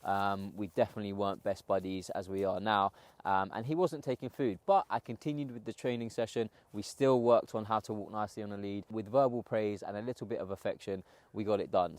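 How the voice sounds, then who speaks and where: A man working as a dog trainer, explaining his method to the camera in a calm, steady way and repeating the key points. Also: lowish voice. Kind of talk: instructional talk to camera.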